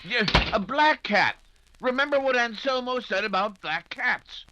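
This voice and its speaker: A man's voice: very high-pitched, expressive, unhurried, dull audio, noisy background. A man playing an anxious, fussing doctor and loyal sidekick in an old-time radio detective drama, with a stammering, flustered delivery. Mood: nervous, alarmed.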